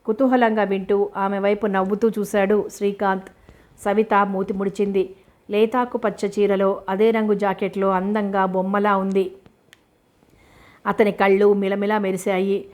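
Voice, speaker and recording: Woman narrating a novel in an even, flat voice. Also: mid-range voice, normal speed. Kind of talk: audiobook novel reading.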